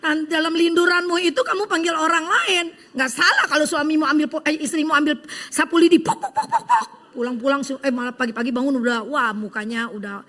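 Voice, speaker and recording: Lady preacher, high bright voice, tells jokes and gets the crowd saying amen. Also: fast talker. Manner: lively storytelling, acting out voices in a joke; engages the congregation with call-and-response. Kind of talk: sermon.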